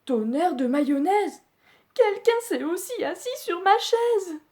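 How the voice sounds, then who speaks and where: A woman reading aloud who voices an indignant mother bear in a storybook, exclaiming loudly. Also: very high voice, big pitch swings, slow pace, pitched above the performer's own voice, exaggerated voice.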